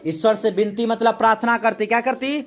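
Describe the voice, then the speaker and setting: A woman teaching a class, reading a poem slowly line by line, then explaining each line and quizzing the students with quick questions she answers herself. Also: fairly high pitch, steady tone. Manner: slows down to recite verse lines.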